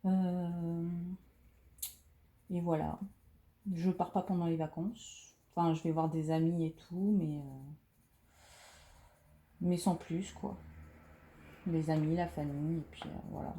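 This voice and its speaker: A thirty-year-old woman chatting casually while she colors, speaking softly and hesitantly with lots of fillers, into a phone beside her head. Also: lowish voice, fairly even intonation, takes it slowly, long pauses. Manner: soft-spoken, hesitant, many fillers. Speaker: coloring vlogger. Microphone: phone camera right beside her head. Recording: roomy echo.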